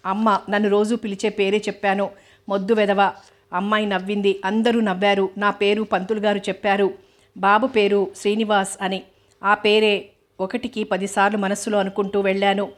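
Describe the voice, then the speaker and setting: A woman reading a novel aloud as an audiobook narrator, in a steady, even storytelling read. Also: mid-range voice.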